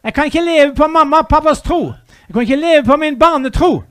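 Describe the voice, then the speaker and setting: A man preaches an urgent revival sermon in a strikingly high voice. He sinks to low, quiet stretches and then surges into loud calls. The sound is dry and close, with no room echo. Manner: fervent, swinging from hushed to loud and urgent.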